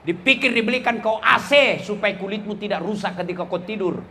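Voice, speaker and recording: A middle-aged man giving a comedic Islamic sermon, teasing his listeners and swinging from low asides to loud shouts. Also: a little fast, a little hiss or hum. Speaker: Islamic preacher.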